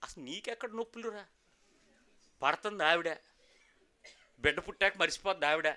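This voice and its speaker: Pastor, male, high-pitched, piercing tone; emphatic preaching with rhetorical questions. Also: moderate pace, pushed and bright. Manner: emphatic, call-and-response with the congregation. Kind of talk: sermon.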